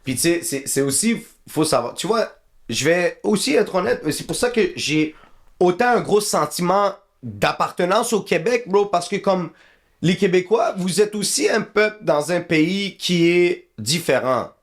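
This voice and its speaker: Give me a man in a relaxed podcast chat, lively pitch, slangy. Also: normal speed. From northern Iraq. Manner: laid-back, mixes French and English slang. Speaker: guest.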